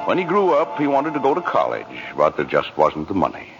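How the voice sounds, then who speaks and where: Muffled old radio, wise angelic narrator, very low, lively inflection, music behind. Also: male voice, fairly quick. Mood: genial storytelling. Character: calm, wise heavenly narrator telling a life story.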